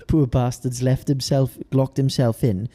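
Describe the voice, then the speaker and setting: A man's voice: medium pitch, steady tone, slow pace, mellow. A young man from the South Wales valleys with a Welsh Valleys accent, chatting casually in a laddish, colloquial way. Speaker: podcast co-host, amateur bodybuilder. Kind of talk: casual chat, anecdotes.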